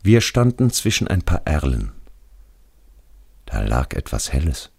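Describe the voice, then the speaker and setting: A man narrating a literary short story in a quiet, measured way with a creaky, husky voice. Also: very deep voice, big pitch swings. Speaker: reader.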